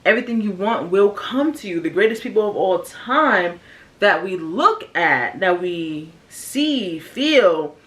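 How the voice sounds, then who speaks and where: In an unhurried, animated way, an American vlogger in her early thirties speaks with a medium-pitched, slightly bright voice. She offers viewers a candid, casual personal reflection in slangy, conversational wording.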